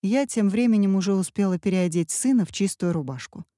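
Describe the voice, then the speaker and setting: Woman storyteller, wry tone, dark mellow voice, dry close mic. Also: medium pitch, fairly quick, no room sound. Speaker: audiobook narrator. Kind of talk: storytelling audiobook narration.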